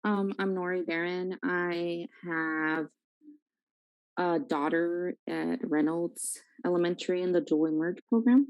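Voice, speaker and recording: A woman, a parent, giving an emotional public comment at a school board meeting over a video call, halting and full of fillers. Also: fairly low pitch, no room sound, dull audio.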